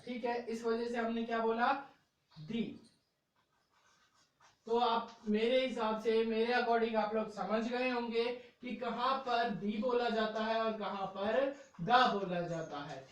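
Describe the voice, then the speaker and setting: Far from the microphone in a very echoey room, a man with a very high voice teaches an English grammar lesson on video, classroom style. He is patient and repetitive, adding small check-ins by finishing phrases with "okay" and "brother."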